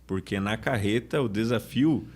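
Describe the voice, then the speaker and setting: A Brazilian sales manager chats in a podcast interview, his voice lowish and slightly mellow at a normal pace. He frequently starts his sentences over. He also acts out things customers have said.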